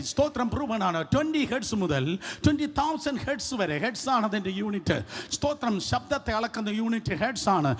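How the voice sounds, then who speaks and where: High-voiced fervent male preacher. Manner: fervent, calls out to the congregation, repeats phrases; shifts between loud shouting and hushed asides. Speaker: pastor. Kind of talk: charismatic sermon.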